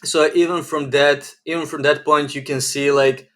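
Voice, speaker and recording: Young Serbian man, flat rambling speech. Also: fairly high pitch, moderate pace. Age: 20s. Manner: rambling, many "like" fillers, flat delivery. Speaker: guest. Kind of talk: casual interview chat.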